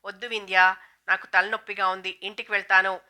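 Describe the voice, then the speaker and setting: A gentle, hurt young woman who pleads in a subdued way, as a woman narrator reads her. The tone is very bright, with little rise and fall in pitch. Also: little pitch movement, brisk.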